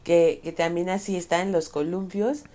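Lively low-voiced Mexican woman. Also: normal speed. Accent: Mexican Spanish. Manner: animated, self-mocking, laughs while telling stories. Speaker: podcast co-host. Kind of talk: casual podcast chat.

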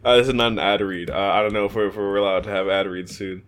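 A man's voice: fairly low pitch, steady tone, fast talker, a bit bright. A young man co-hosting a podcast in casual chat, hesitant and stammering, often breaking into laughs. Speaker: podcast co-host.

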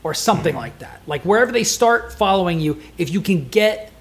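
High, gravelly-voiced man co-hosting. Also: a little fast. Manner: animated, swears when excited. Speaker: podcast co-host. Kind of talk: casual game discussion.

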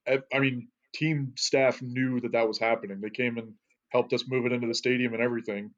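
A man's voice: medium pitch, flat delivery, a little fast. A man co-hosting a casual podcast, talkative and telling long anecdotes. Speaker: podcast co-host. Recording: slightly dull audio.

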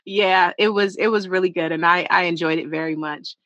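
Giggly woman host with a low voice. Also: fairly even intonation, brisk, fairly bright tone, no room sound, muffled recording. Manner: giggly, laughs often between phrases. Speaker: podcast host. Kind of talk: casual chat.

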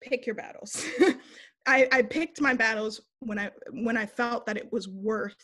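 A woman's voice: fairly high pitch, measured pace. Blunt young woman telling a story. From United States. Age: young adult. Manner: blunt and animated, swears freely, acts out quoted dialogue. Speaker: interview guest. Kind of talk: candid conversational storytelling.

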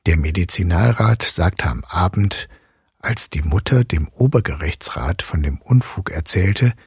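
Slow husky man reading a fairy tale. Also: lowish voice, dry recording, clean studio sound. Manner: slow, expressive, dropping to a whisper for suspense. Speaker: reader. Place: online audio room.

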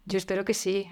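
Reflective woman guest talking openly. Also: mid-range voice. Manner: open and reflective, with frequent fillers and soft laughs. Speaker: podcast guest. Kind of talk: candid conversational interview.

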